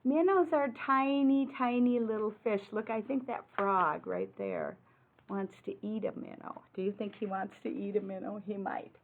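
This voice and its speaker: In a sing-song, mid-range voice, a teacher reads a picture book aloud to little kids, with simple explanations, frequent questions, and emphatic rhymes. The recording is thin, muffled, and phone-like, with a little hiss or hum.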